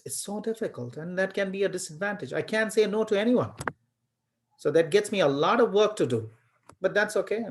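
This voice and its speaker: A man from India, a college lecturer giving an online class on a video call, talking with emphasis and many fillers and repeated words. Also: on the high side. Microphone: webcam on video call.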